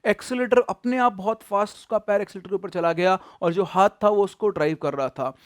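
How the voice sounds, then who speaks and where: A man's voice: high-pitched, fairly quick. A man narrating a horror story in a conversational way, correcting himself and restarting as he goes. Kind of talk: casual spoken horror narration.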